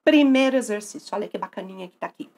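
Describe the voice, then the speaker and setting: A woman with a Brazilian Portuguese accent teaching a recorded grammar lesson, lively and affectionate, often asking her students questions. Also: mid-range voice, fast talker.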